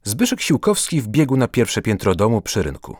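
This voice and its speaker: A man narrating a story in an expressive scripted reading. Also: fairly low pitch, normal speed, dry recording, studio quality. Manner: expressive, first-person guardian-angel narrator. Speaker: audiobook narrator.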